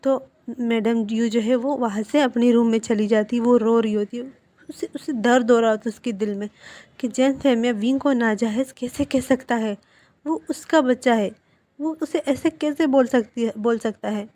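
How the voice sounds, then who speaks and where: A woman's voice: a little high, steady tone, moderate pace, dark tone, no room sound. Woman casually retelling a drama. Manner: conversational, with frequent restarts.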